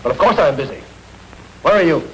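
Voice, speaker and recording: Male actor as a brisk, commanding detective; rapid, animated delivery, 1930s radio style. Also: a little high, a little hiss or hum, close to an everyday voice, poor audio. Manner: quick and commanding. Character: fast-talking male police detective.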